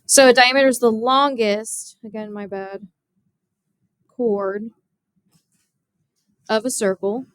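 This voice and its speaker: A woman's voice: fairly high pitch, fairly even intonation, takes it slowly, long pauses, smooth, no echo. A young woman math teacher giving a classroom geometry lesson, explaining step by step and often asking her students questions.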